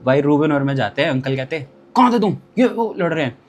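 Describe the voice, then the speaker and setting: A young man telling a travel story casually and lively, acting out the people he met. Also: a little high, quick pace, highs cut off.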